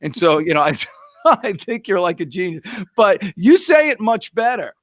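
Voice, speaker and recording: A man's voice: sits high, big pitch swings, normal speed, a bit bright, dry recording, clean studio sound. A man hosting a podcast interview, chatty and encouraging as he asks questions. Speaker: podcast host. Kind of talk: casual interview talk.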